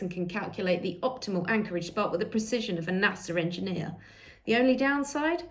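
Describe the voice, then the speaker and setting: A middle-aged woman reading her own article aloud with a sarcastic, sassy delivery and chatty asides. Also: mid-range voice.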